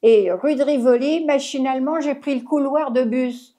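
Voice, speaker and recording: Chatty older Parisian woman, dark-toned. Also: high voice, moderate pace. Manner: chatty, laughs often, trails off mid-sentence. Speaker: interviewee, former taxi driver. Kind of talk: casual storytelling.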